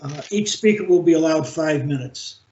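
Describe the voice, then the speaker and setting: A man chairing a library board meeting over a video call, speaking in a halting, measured way with frequent fillers. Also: fairly high pitch, warm tone. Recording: roomy, dull video-call audio.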